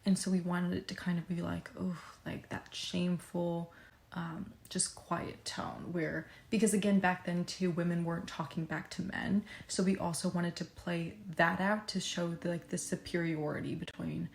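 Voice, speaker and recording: A woman's voice: fairly low pitch, moderate pace, creaky, hardly any pauses. A young woman, a student co-director, casually explaining her scene choices with lots of fillers. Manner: casual, many fillers, flat delivery. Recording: echoey room.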